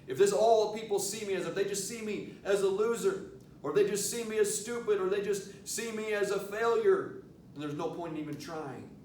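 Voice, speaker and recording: A man's voice: moderate pace, darkish tone. A man giving an earnest, emphatic motivational lecture to students, leaning on rhetorical questions. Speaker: motivational speaker, teacher addressing students. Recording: echoey room, distant mic, low rumbling noise.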